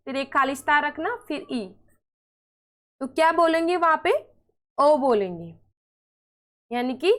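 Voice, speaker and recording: A woman teaching English pronunciation in Hindi, patiently asking questions and answering them herself. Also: high voice. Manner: explains patiently and step by step. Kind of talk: Hindi-language English lesson.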